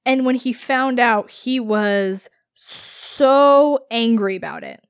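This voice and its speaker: A woman's voice: on the high side, slow, clear, resonant tone, dry recording, studio quality. A woman co-hosting a podcast, recapping a book in a casual, rambling way full of fillers. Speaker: podcast co-host.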